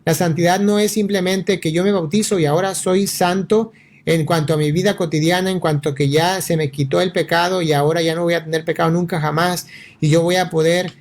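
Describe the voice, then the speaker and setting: Speaking briskly in a fairly high pitch, a male pastor gives an earnest, steady Bible teaching from a radio studio. He frequently says "right?" to check in and restarts words, as Spanish is not his first language.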